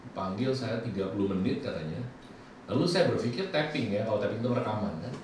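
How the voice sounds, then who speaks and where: A man preaching a sermon, telling lively personal stories and acting out his own remarks. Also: lowish voice, quick pace. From Indonesia. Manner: lively storytelling, acts out his own quoted lines. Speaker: bishop preaching. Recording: echoey hall from far off, faint noise.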